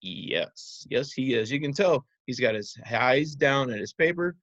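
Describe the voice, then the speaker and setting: A man's voice: mid-range voice, lively intonation, unhurried, fairly bright tone, no room sound. Man teaching young children, slightly muffled audio. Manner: instructive, simple phrases with check-in questions. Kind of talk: simple interactive children's lesson.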